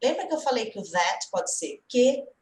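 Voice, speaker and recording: Animated Brazilian woman teaching English. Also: on the high side, moderate pace, reverberant, poor audio. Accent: Brazilian Portuguese. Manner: animated, explains by quizzing the student. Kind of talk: online lesson with a student.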